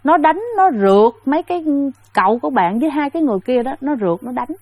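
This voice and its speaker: A woman's voice: high-pitched, animated, fast talker, a little mellow, no echo. A woman telling a ghost story in a chatty way, speaking straight to her listeners with many fillers. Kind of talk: casual spoken ghost story.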